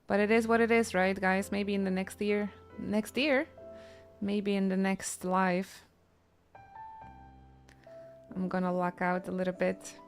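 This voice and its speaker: A woman's voice: medium pitch, little pitch movement, moderate pace, faint music behind. A woman from Poland, chatting casually with her stream in a joking, self-mocking way. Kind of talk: casual chat with chat readers.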